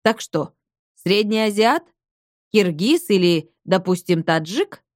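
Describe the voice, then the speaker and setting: A woman voicing a patient, persistent middle-aged police major who questions witnesses in a measured way. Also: mid-range voice, lively intonation, no echo, clean studio sound. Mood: questioning.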